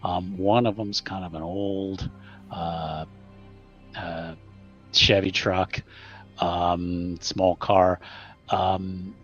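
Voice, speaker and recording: Low-pitched guy running a tabletop game, lots of ums, kinda lo-fi mic, faint music. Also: level tone, fairly bright tone. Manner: halting, lots of restarts and ums. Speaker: game master.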